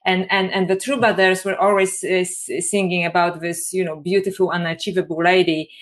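A woman with a somewhat low voice speaks on a discussion panel. She answers at length and stops often to restart her thoughts, with fillers between phrases. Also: flat delivery. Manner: halting, many fillers and restarts. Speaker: panel guest scholar.

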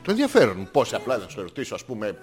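A young adult man co-hosting a comedy podcast, improvising absurd scenes and teasing his partner with sudden loud offers. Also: wildly swooping pitch, soft background music. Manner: teasing, bursts into loud high-pitched offers. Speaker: podcast co-host. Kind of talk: absurd comic improv chat.

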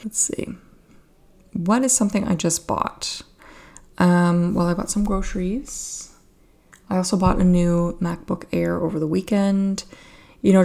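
A Canadian woman hosting a podcast in a casual, wry, chatty solo style, with a creaky voice full of vocal fry. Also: fairly low pitch, dark tone. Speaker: podcast host.

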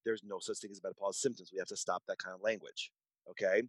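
A man in his forties, a doctor appearing as a podcast guest, tells stories in a conversational interview. His low voice barely moves in pitch and he talks fast, emphatic and repetitive, often restarting sentences. The audio is poor but has no echo.

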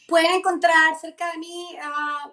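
A young woman being interviewed as a singer-songwriter, talking in a lively way and mixing in English phrases. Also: extremely high pitch. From Colombia. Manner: lively, mixes in English phrases, quick restarts. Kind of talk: casual interview.

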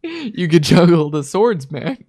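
A warm, mid-range voice, very animated yet unhurried, belongs to a livestream host chatting with a guest. The talk is casual, informal, and encouraging, with frequent "man" interjections.

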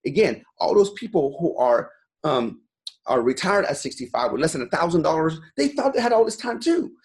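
Here the voice is on the high side and sing-song, at a moderate pace, belonging to an Iranian gym owner in his forties. As a guest in a motivational interview, he is blunt, profane and energized, returning to "you know" again and again.

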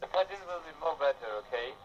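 A man on the other end of a phone call, pitching tech support and ending his phrases with a repeated "okay?". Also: fast. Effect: heard over the phone. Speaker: caller posing as tech support. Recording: muffled phone line with faint hiss.

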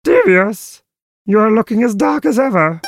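A woman playing a secretive, genteel villainous doctor in a comic audio drama, measured, formal and theatrical. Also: medium pitch, lively intonation. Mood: composed.

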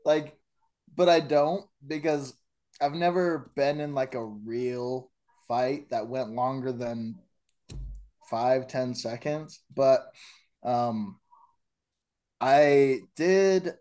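A man's voice: mid-range voice, fairly even intonation, drawn-out words, long pauses, warm tone. A man in his thirties, a podcast co-host, telling a story in loose, profane casual chat and laughing often. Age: 30s.

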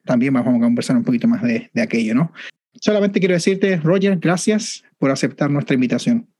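Husky-voiced man hosting an interview. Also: mid-range voice, a little fast, no echo. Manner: friendly, animated storytelling with easy laughs. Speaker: podcast host. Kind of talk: casual conversational interview.

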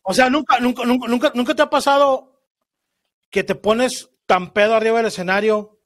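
A man's voice: very high-pitched, moderate pace. A man with a Mexican Spanish accent hosting a casual podcast chat, telling stories in slangy, swearing speech. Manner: slangy, swearing, animated storytelling. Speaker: podcast host.

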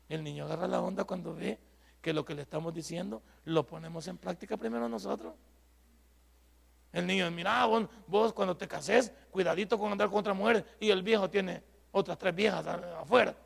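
Gravelly preacher in a hall. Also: male voice, high-pitched. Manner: storytelling preacher, acts out dialogue, rises to shouts. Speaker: pastor. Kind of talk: sermon.

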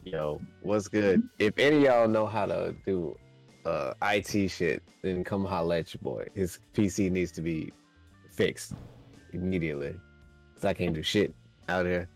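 A man with a deep voice chats casually as a podcast guest. He is blunt and sweary, given to griping, with light music in the background. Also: unhurried. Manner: blunt, profane, complaining. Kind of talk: casual chat.

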